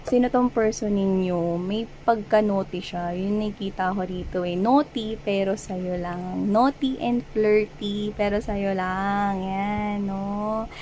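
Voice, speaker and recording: Filipino woman tarot reader, relaxed chatty delivery, mid-pitched, slight background hiss. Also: low-quality recording. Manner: chatty, frequent "no?" tag questions, mixes English and Tagalog. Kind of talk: casual tarot reading.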